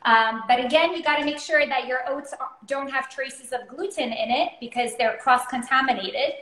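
A woman's voice: sits high, normal speed, fairly bright tone. A woman in her thirties co-hosting a cooking show over a video call from her home kitchen, chatty and explanatory with many fillers. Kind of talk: casual cooking chat. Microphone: video call, laptop or phone camera. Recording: roomy echoey kitchen.

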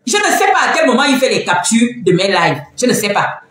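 A woman hosting a casual live stream from home, talking in an animated, teasing way and laughing often. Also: on the high side, fairly quick. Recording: very echoey room, faint background noise.

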